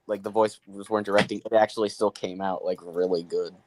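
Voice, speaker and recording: A man's voice: lowish voice, fairly even intonation, a little fast, a little hiss or hum. A man chatting enthusiastically about a fan production he voices in. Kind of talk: casual group chat.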